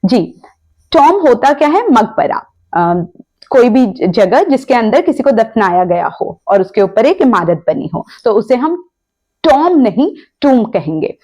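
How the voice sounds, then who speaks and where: A woman's voice: on the high side, big pitch swings, a little slow, darkish tone. A woman teaching pronunciation in a patient lesson, spelling words out letter by letter and repeating each correction. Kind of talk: explanatory lesson.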